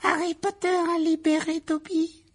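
Squeaky, slow-spoken little house-elf, audiobook. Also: male voice, level tone. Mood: earnest. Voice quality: high squeaky voice. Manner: slow, emphatic, speaks of himself in third person. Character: small excitable male house-elf, squeaky and devoted. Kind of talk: audiobook character voice.

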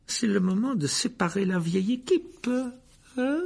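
A man's voice: fairly high pitch, big pitch swings, vocal fry, darkish tone, breathy edge, voice pushed up, exaggerated voice. A man voicing a cold, sneering male potions teacher who drags out his words, in a storybook reading. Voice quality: sneering, icy, drawn-out.

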